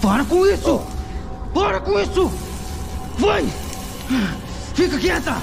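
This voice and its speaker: An actor playing a furious man yelling at a cursed woman. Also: very high voice, very animated, very slow, creaky, exaggerated voice. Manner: angry, shouting. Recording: film music behind voice.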